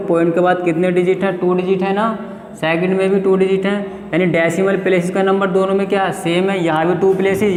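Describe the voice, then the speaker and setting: A man's voice: sits high, reverberant, in a large hall, slight background noise. A male math teacher, explaining a lesson step by step and asking the class questions that he then answers himself. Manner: reads definitions aloud slowly.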